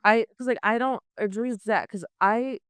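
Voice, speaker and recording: A woman's voice: on the high side, moderate pace, a bit bright, clean tone, no echo, studio quality. A young woman from Utah chatting on a podcast, blunt and joking, swearing casually. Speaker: podcast co-host. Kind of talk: casual chat.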